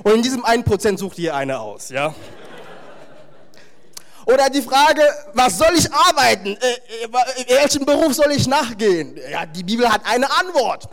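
A man preaching a sermon to a congregation, emphatic and animated, with wry humorous asides. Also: extremely high pitch, normal speed.

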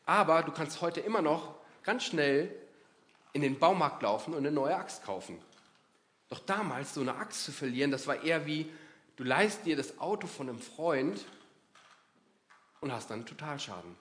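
A man preaching a sermon in a lively, conversational way, acting out inner voices as he talks. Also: a little high, normal speed.

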